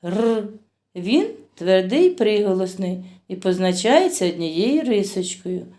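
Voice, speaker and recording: Slow, sing-song woman teaching children. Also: medium pitch, very animated, mellow. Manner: slow, drawn-out sounding of words for children; asks questions and praises the children. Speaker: kindergarten teacher. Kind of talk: phonics lesson for young children.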